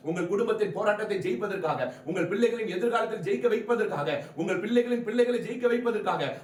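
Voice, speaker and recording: A male preacher delivers a fervent sermon in rapid, rhythmic waves of repeated phrases. His voice sits high and moves fast. He is recorded from some distance in a roomy, echoing space.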